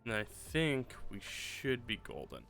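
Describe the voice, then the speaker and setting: A man's voice: mid-range voice, big pitch swings, a little slow, vocal fry, fairly bright tone, soft background music. Sardonic, sweary man streaming a game. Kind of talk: casual gameplay commentary.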